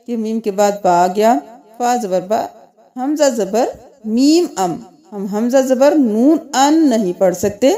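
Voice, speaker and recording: A woman teaching Quran reading, spelling out letters and vowel marks, then reciting verses slowly and melodically. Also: a little high, dark tone. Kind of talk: tajweed lesson with slow recitation.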